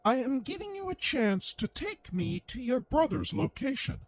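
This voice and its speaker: A woman's voice: high-pitched, big pitch swings, normal speed. A woman voicing a cold, condescending android that wears a male soldier's body and speaks in an artificial voice. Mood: calm menace.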